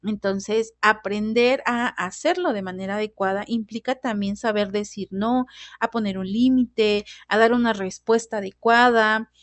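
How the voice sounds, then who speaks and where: A woman's voice: mid-range voice, measured pace, dry recording. A woman teaching a lesson on emotions, chatting casually and often checking in with "¿no?" and "¿vale?". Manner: conversational, tag questions like "¿no?" and "¿vale?". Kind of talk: lecture on emotions.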